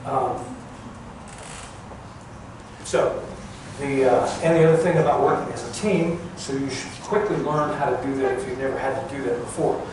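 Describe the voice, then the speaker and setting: An older man, a former air traffic controller, is a guest speaker giving an informal public talk about his career in a large, very echoey museum room. His delivery is plain-spoken and halting, at a middling pitch with fairly even intonation. He's recorded from far off, with clear background noise.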